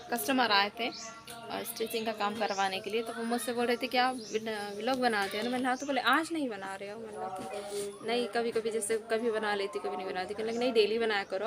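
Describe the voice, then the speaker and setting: A woman talking casually to her viewers in a home vlog, chatty and pleading for likes. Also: on the high side. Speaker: vlogger.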